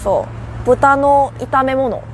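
Young korean woman live on a phone mic, kansai-tinged accent, highish voice, faint street noise. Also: takes it slowly. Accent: Korean, with a Kansai lilt. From South Korea. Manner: chatty, answering viewer comments. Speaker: livestream host. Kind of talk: casual live walking stream. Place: outdoor rooftop in a city.

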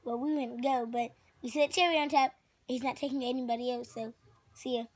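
A child performing an improvised plush puppet comedy skit, rambling and excited. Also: female voice, high voice, fairly quick. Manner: rambling, excited, sometimes shrieking.

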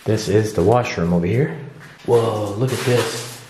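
A male vlogger with a fairly low voice talks casually to his viewers. He holds the camera himself indoors, and clear noise runs through the recording. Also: a little slow, echoey room. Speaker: vlogger and urban explorer host. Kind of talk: casual vlog chat. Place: empty abandoned building indoors at night. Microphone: handheld camera at arm's length. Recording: noisy handheld camera audio.

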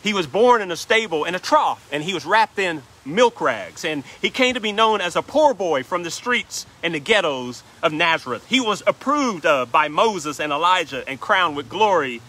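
A man's voice: high-pitched, very animated, normal speed, few pauses, bright, forceful tone. A man preaching as a pastor, reading King James scripture in a rhythmic cadence and adding "right?" asides. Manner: reads scripture aloud in King James wording. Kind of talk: sermon.

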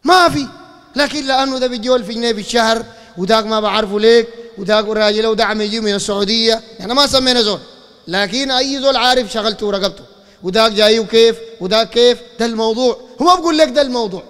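A man with a Sudanese Arabic accent giving a fiery religious lecture, firing rhetorical questions and breaking into shouts. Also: very high voice, racing, clear, resonant tone. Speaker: preacher. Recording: long hall reverb.

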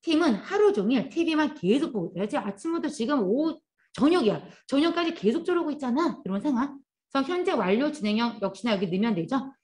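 A woman teaching English grammar in a live classroom lecture, explaining quickly and then slowly drilling example sentences. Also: high-pitched, big pitch swings, darkish tone. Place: lecture classroom at a language academy.

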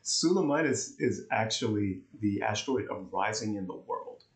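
A man's voice: lowish voice, animated, moderate pace. A man co-hosting an astrology talk, explaining charts in a chatty, easygoing way and laughing easily. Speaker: astrology co-host. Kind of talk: explaining charts in casual chat. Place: warm indoor room. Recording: echoey room.

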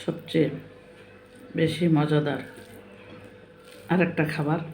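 A woman's voice: low voice, flat delivery, slow, darkish tone, a little hiss or hum, rough recording. An older woman chatting casually to viewers while eating, her mouth full at times. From Comilla, Bangladesh. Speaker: food vlogger. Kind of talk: casual chat to viewers over a meal.

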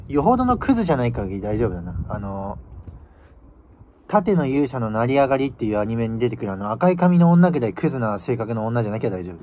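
Outside near a building on a winter day, a twentysomething vlogger from northern Japan chats slangily and offhandedly to his camera. His voice is mid-range with a dark tone, captured on a phone mic along with the surrounding outdoor noise.

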